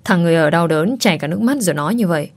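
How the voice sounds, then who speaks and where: Low-voiced woman narrating a horror tale. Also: rapid-fire, dry recording. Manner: steady, dramatic first-person telling. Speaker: storyteller. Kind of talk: scripted horror story narration.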